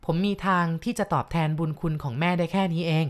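A woman's voice: on the low side, fast, lightly acted. A woman voicing a remorseful bandit ghost. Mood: pleading.

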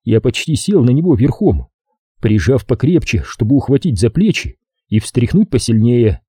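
A male audiobook narrator telling the story in measured first person. His voice is very dark and husky, with animated pitch movement. The recording is close and completely dry. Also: dry recording. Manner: measured storytelling, lively intonation. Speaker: audiobook reader. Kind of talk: scripted narration.

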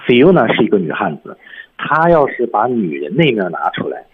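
Guy teaching english on the radio, kinda low voice, explains slowly word by word, sounds like a phone line. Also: sing-song, slightly rough.

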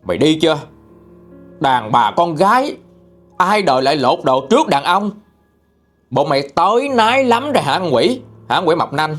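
A man's voice: a little high, very animated, normal speed, soft background music, pitched above the performer's own voice. A man playing a scolding old exorcist woman. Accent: Southern Vietnamese. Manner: scolding, sharp-tongued, mocking. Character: stern old female village exorcist. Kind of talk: storytelling.

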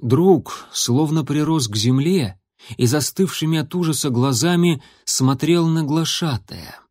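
A man's voice: on the high side, measured pace, no echo. Man narrating a storybook, dry close sound. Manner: steady, expressive reading. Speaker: audiobook narrator.

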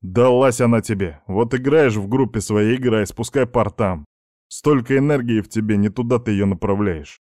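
A man's voice: fairly low pitch, moderate pace, darkish tone, dry recording, studio quality, natural voice. A man voicing a stern middle-aged father lecturing his teenage son in a firm, reproachful way.

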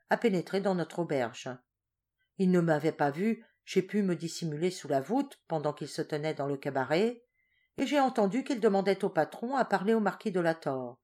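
Lady voicing a jumpy young guy, talking fast and worried, storybook reading. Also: lowish voice, a little mellow. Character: pale agitated young man, impulsive.

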